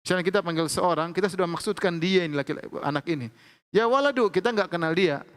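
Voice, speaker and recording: A man teaching Arabic grammar in a lecture, explaining slowly and repeating each example with frequent checks of "ya". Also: fairly high pitch, fairly even intonation. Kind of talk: classroom lecture. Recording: long hall reverb.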